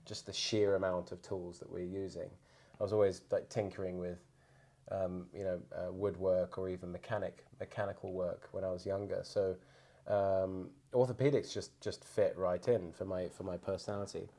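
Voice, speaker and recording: A man's voice: deep voice, flat delivery, moderate pace, warm tone. A man giving conversational answers as a guest surgeon on a podcast.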